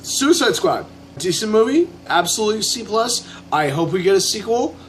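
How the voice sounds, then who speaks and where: A man's voice: high voice, very animated, moderate pace, a bit bright, slight background noise. A tipsy man giving a casual, opinionated video review, rambling with false starts and blunt, emphatic swearing. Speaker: amateur film reviewer.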